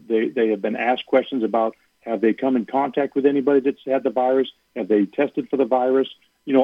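Over a phone line, an athletic director appears as a guest on a sports radio show. His mid-range voice is creaky, with no room sound, and he gives earnest answers, repeating words for emphasis.

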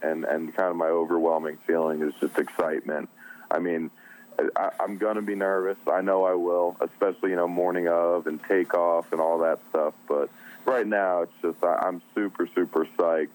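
A man in his twenties from New Jersey, a competitive angler talking excitedly as a guest in a casual interview. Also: low-pitched, normal speed, rough recording. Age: 20s. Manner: excited, upbeat.

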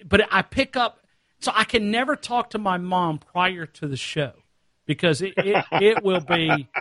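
Man, sports radio co-host, from north alabama, casual chatter, slightly high voice, dry close mic. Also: a little slow, bright, forceful tone, no echo. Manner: chatty, laughs, stammering restarts.

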